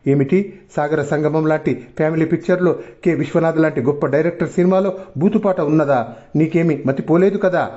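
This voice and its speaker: An easily scandalized committee chairman, stuffy and indignant, as a man reading the story puts him on. The voice sits a bit high, and the storybook reading is dull and lo-fi. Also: brisk, warm tone, close to an everyday voice. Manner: indignant outbursts. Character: stuffy, easily shocked male committee president.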